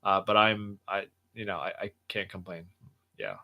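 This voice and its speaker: A man's voice: low voice, normal speed, vocal fry, muffled recording. A young man hosting a casual livestream chat, talking earnestly and rambling with many fillers and restarts. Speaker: livestream host.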